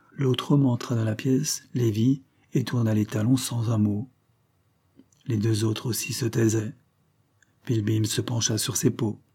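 A man narrating a novel as an audiobook in a measured, even storytelling manner. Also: lowish voice, breathy edge.

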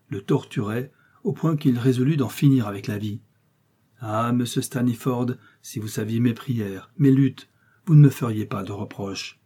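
A man's voice: medium pitch, dark tone, breathy edge, natural voice. A man voicing a loyal old male servant who speaks earnestly and pleads, in an audiobook reading.

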